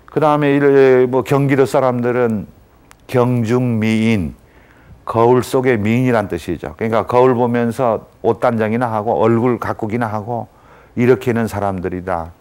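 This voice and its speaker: A man's voice: medium pitch, steady tone, fairly quick, darkish tone. A man lecturing to an audience, explaining terms step by step and often saying "ye" between phrases. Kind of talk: academic lecture.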